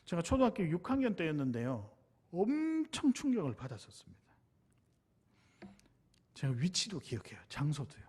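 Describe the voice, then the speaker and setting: A man's voice: a little high, huge pitch swings, normal speed, long pauses, darkish tone, slightly rough. A middle-aged male pastor from Busan, preaching a sermon and telling a personal story in an earnest, confessional way that speaks straight to his congregation. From Busan, South Korea. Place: church sanctuary.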